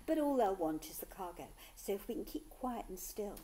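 A woman's voice: mid-range voice, big pitch swings, normal speed, mellow, slight background noise, close to an everyday voice. A woman voicing a determined young girl who talks stubbornly and defiantly. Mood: tense.

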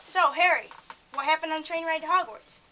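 A woman playing a brisk interviewer who keeps charge of the questions. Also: high-pitched, sharp tone, a little hiss or hum, poor audio.

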